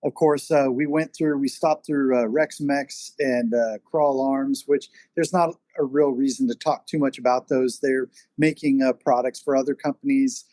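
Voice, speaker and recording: A man's voice: medium pitch, fairly even intonation, moderate pace, few pauses, mellow, no echo. Man, interview host, casual conversation, rambling, lots of fillers, dry close sound. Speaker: podcast host and magazine editor.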